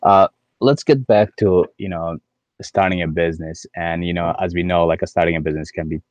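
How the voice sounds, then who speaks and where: A man's voice: low voice, fairly quick, a little mellow, no room sound. A man moderating a panel over a video call, brief and polite, calling on panelists by name. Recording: dull, dry video call audio.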